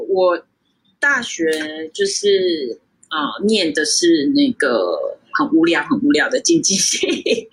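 A woman in her thirties from Taiwan, chatting as a guest over a video call, with a lowish, bright, slightly husky voice. She talks loosely and laughs often, with many fillers. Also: low-quality recording. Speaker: guest sommelier. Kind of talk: casual interview over a remote call.

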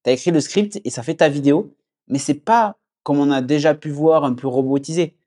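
A young man with a southwest French accent, chatting casually as a podcast guest, relaxed, with many fillers and restarts. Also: on the high side, brisk. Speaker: podcast guest, agency founder. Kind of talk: casual conversation.

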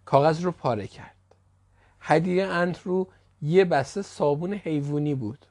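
A man reading a children's story aloud in a lively, expressive way. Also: on the high side, no echo, clean studio sound.

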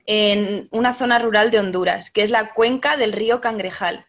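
A woman's voice: mid-range voice, moderate pace. A woman, a teacher speaking as a podcast guest, thoughtful and often hesitating. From Spain. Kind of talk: casual interview talk.

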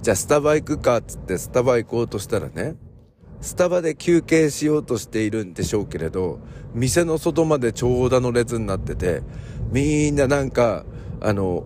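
This is a man hosting a relaxed solo morning podcast, in an easy, rambling way. His pitch is lively and moves around a lot, and he leans on plenty of fillers as he jokes. A faint vehicle noise sits behind him. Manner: chatty, digressive and joking, with many fillers. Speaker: podcast host.

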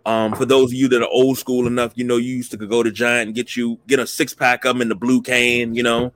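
A man's voice: medium pitch, level tone, fairly quick, fairly bright tone, dry recording. A man hosting a podcast, chatting casually in a folksy, jokey storytelling way. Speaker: podcast host. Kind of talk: casual chat.

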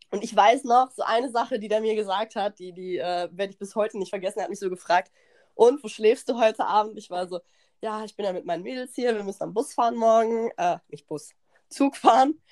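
A young woman hosting a podcast, telling a party story in slangy, animated casual chat and acting out what people said. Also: mid-range voice, normal speed. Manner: animated, slangy, acts out quotes, laughs often. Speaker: podcast host.

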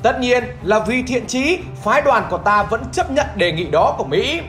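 High-voiced woman narrating history. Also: animated, moderate pace, fairly bright tone. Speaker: host of a history show. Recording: roomy echo with music.

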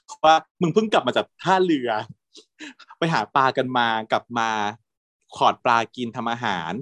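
A man chatting casually with a co-host, recapping a TV drama in an animated way, laughing often. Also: mid-range voice, normal speed, no room sound, studio quality. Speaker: podcast co-host.

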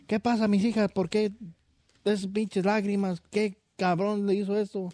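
A woman's voice: mid-range voice, flat delivery, normal speed, mellow, no echo, pitched above the performer's own voice, natural voice. A stern, protective mother with a Mexican Spanish accent, acted out by a man telling a joke. Her raised, scolding voice sits well above his own, and it sounds dry and close.

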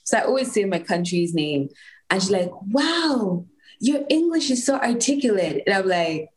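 A woman's voice: medium pitch, sing-song, moderate pace. A woman from Uganda, a guest on a casual podcast, telling a story in a wry way.

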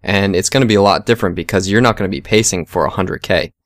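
A man co-hosting a casual podcast chat, quizzing his friend and reasoning through the math out loud. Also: deep voice, fast, dry recording, studio quality.

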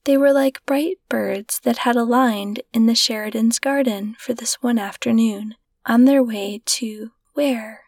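A woman narrating a classic short story in a gentle, measured reading voice. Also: fairly high pitch, gravelly, no echo. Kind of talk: scripted narration.

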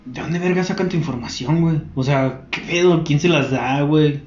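A man's voice: fairly high pitch, moderate pace, darkish tone, faint music behind. A young man with a Mexican accent, chatting casually with lots of slang, swearing and laughter. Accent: Mexican Spanish. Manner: laughs often, slangy and profane. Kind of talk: casual chat. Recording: roomy muffled recording.

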